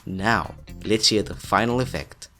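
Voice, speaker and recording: Over background music, the host of an effects tutorial channel delivers a scripted, upbeat walkthrough, speaking chattily to his audience as "guys." His fairly low voice is pushed and bright, and he takes his time.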